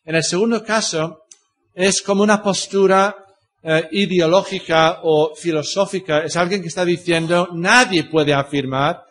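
A man's voice: high voice, fairly even intonation, moderate pace. An older man from Britain with a British English accent, a native English speaker, teaching a Bible class as a pastor, explaining step by step with rhetorical questions and frequent tag questions.

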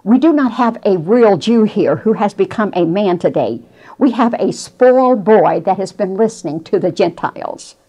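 A woman's voice: medium pitch, animated, moderate pace, dark tone, lightly acted. A woman voicing an angry, proud old rabbi who speaks sternly and scornfully.

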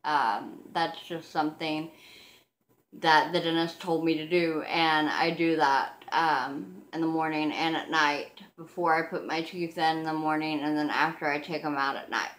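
A woman in her thirties talks casually to camera in a low, slow voice. Her speech is toothless and softly slurred, with a hesitant, self-conscious delivery. The room rings noticeably around her. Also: fairly even intonation. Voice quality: toothless speech, soft slurred articulation without teeth or dentures. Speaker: vlogger. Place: living room, seated on a couch indoors. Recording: roomy, echoing home recording.

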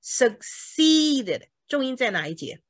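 A woman teaching an English lesson, patiently explaining with homely comparisons and slowly repeating words to drill their pronunciation. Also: mid-range voice, big pitch swings, fairly bright tone, no echo, studio quality. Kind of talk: language lesson.

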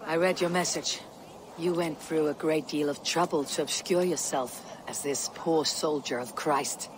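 Eivor, husky stoic Viking warrior. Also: female voice, low-pitched, steady tone, a little slow, noisy background. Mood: wry, probing. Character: stoic, proud female Viking warrior, wry and probing. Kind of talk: video game cutscene acting. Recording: music behind the voice.

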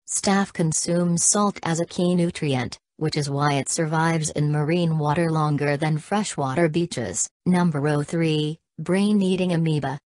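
A woman reading a scripted narration in an even, steady delivery. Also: low voice, no room sound.

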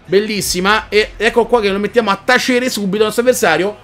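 Male gaming YouTuber, higher than usual pitch, loud animated let's-play commentary. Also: fast talker. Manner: animated, shouts move names, swears freely.

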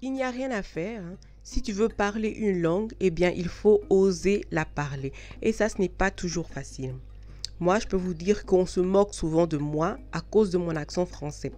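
A woman's voice: lowish voice, moderate pace, warm tone. A woman from Belgium, vlogging in a frank, chatty way with many hesitations. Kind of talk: casual talk to camera.

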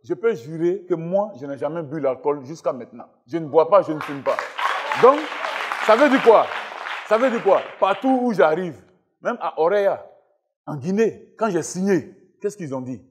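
A man's voice: on the high side, expressive, moderate pace, crowd noise, background noise. A man of thirty-five from Burkina Faso, a football player and talk show guest, speaking emphatically and repeating himself to make his point. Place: television studio with live audience.

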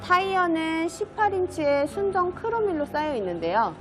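A used car dealer presents a car for sale in a scripted pitch, her high, lively voice rising and falling freely at normal speed. Her wording is polished, polite and promotional, with music behind her.

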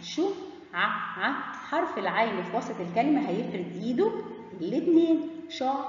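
A kindergarten teacher with an Egyptian Arabic accent leads a phonics lesson, lingering on each letter sound. Her fairly high voice comes from some distance away. It carries a long, heavy echo, and the sound is dull and muffled. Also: big pitch swings. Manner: slow, drawn-out sounding of letters and syllables. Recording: echoey, muffled room from a distance.

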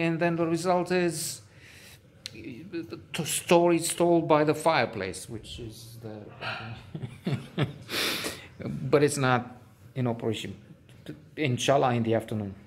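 A man's voice: medium pitch, creaky, slight background noise. A man giving a casual spoken film review, hesitant, with many fillers and restarts, now and then getting worked up.

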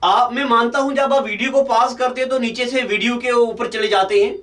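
Slow-dictating male teacher, bright high voice. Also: steady tone, recorded from a distance, poor audio. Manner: slow, deliberate dictation with repetition; addresses students as "beta". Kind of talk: recorded lecture to camera.

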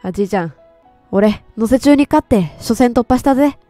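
A woman's voice: fairly high pitch, animated, brisk, mellow, no room sound, soft background music, close to an everyday voice. A woman reading game lines aloud as a cheerful, earnest teenage boy soccer captain.

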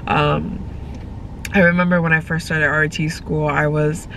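A congested young woman with a low, creaky, slightly bright voice speaks unhurriedly and flatly as she vlogs in a parked car. Her casual chat to the phone camera, held at arm's length, rambles with many fillers over faint car background noise.

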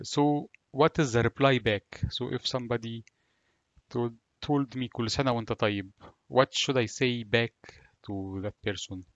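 Man, Egyptian Arabic accent, native Arabic speaker, language teacher, deliberate word-by-word explaining, mid pitch, dry slightly lo-fi sound. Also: no echo. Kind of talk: language lesson, slow explanation with repeated phrases.

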